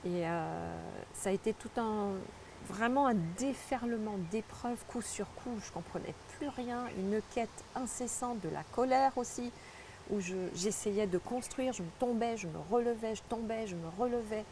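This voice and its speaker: Telling her personal testimony as an interview guest, a middle-aged spiritual guide from French Guiana speaks earnestly and reflectively, frequently starting over. Her voice is on the high side with a darkish tone and moderate pace, and a little hiss or hum is audible.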